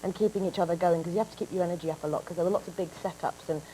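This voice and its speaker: A woman's voice: fairly low pitch, very fast, a little hiss or hum, poor audio. A woman in her twenties with an English accent, a guest telling stories in a talk show interview. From England. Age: 20s. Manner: animated storytelling, breaks into laughter. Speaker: actress guest.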